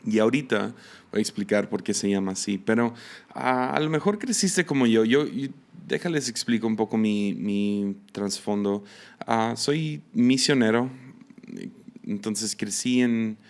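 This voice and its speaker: A man's voice: fairly low pitch, unhurried, creaky. A man in his thirties with a Mexican Spanish accent, hosting a solo podcast in a casual, hesitant way with many fillers and restarts. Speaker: podcast host and missionary.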